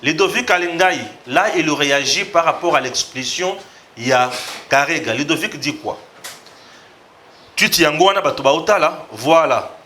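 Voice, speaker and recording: Man with a bright voice. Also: on the high side, expressive, moderate pace, slight background noise. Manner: reads tweets aloud and comments, switching between French and Lingala. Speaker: host. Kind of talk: political commentary show.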